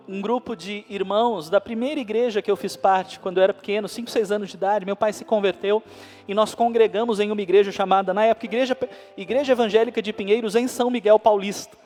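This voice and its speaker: A man preaching a sermon, animated, pushing his voice up for emphasis. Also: high-pitched. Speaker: pastor. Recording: long hall reverb with faint music.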